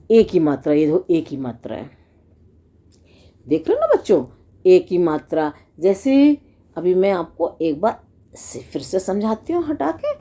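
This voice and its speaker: A female teacher with a Hindi accent and a fairly low, warm voice gives a slow classroom explanation to children. She sounds out syllables, asking questions and then answering them herself.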